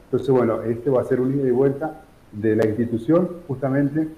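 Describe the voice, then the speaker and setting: A middle-aged man from San Juan, Argentina, explaining his charity's work in a remote news interview, measured and full of fillers. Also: medium pitch. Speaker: charity director guest. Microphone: video call. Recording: echoey room, dull video-call audio.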